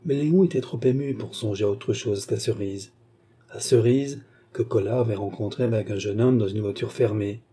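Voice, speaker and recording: A male audiobook narrator reads a novel in a measured, steady manner. His voice is very dark and husky, and he keeps an even, unhurried flow. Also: on the low side.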